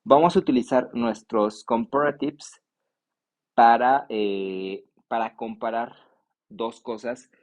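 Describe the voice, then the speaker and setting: Man teaching English in slow drills. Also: mid-range voice, muffled recording. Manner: mixes Spanish and English, slow deliberate vocabulary drills. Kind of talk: online class lecture.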